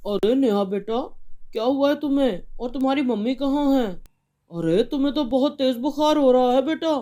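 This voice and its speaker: A woman voicing a stern, angry father who scolds loudly. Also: high voice, normal speed, close to an everyday voice. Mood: worried. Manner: loud, stern.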